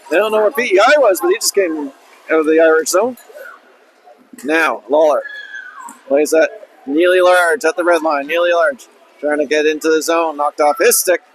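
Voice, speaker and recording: A man giving live play-by-play on an ice hockey game in rapid, clipped calls that rise on the big chances. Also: fairly high pitch, slight background noise, poor audio. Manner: rapid, clipped calls of each pass, rising on shots. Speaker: play-by-play commentator.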